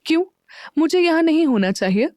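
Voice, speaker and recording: A woman voicing a feisty, sharp-tongued young woman with a snappy manner. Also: a little high, expressive, a little slow, no echo, clean studio sound. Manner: snappy, dramatic.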